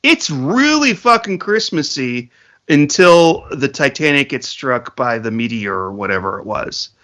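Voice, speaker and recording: Bright-voiced man, joking and profane. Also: mid-range voice, sing-song, measured pace. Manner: joking, profane, rambling asides. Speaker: podcast co-host. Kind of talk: casual podcast review chat.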